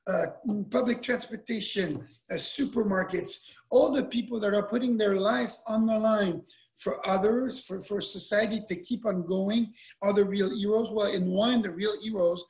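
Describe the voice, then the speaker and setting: A man in his forties who grew up in Switzerland, a winemaker talking casually over a webcam, animated and given to repeating words. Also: high voice. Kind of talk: casual talk over video call. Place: indoor room with wine bottles and shelves. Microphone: webcam at close range.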